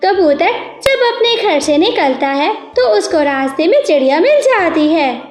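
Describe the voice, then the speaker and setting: Female storybook narrator, slow and plain, high voice. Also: very animated. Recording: echoey room with music.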